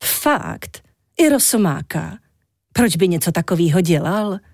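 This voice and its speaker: A woman reading a children's story, voicing a vain, chatty young woman with a high, flighty voice. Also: very animated, darkish tone, no echo, clean studio sound.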